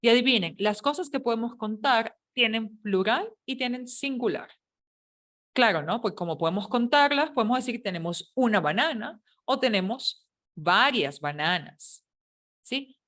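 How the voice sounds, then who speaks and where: A woman's voice: on the high side, animated, normal speed, a bit bright. A woman teaching an English grammar lesson, explaining in a chatty, playful way with jokes and questions to her students. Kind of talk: online English lesson taught in Spanish.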